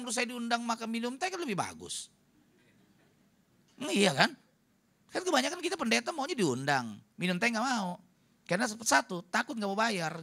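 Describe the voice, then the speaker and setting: A man's voice: sits high, pushed and bright. A man preaching a humorous sermon as a pastor, telling stories and acting out what others said. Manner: storytelling, jokey, acts out quotes. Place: church hall.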